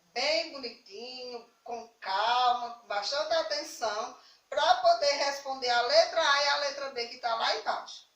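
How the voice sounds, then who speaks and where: Brazilian woman, primary teacher, warm and patient; a little away from the mic. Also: high-pitched, reverberant, far from the mic, low-quality recording. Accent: Brazilian Portuguese. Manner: affectionate, slow and patient, stresses key words. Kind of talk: recorded remote class for young children.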